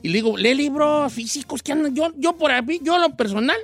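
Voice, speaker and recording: Bright-voiced Mexican radio host, teasing. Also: male voice, very high voice, brisk, soft background music. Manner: joking, teasing banter. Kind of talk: casual radio banter.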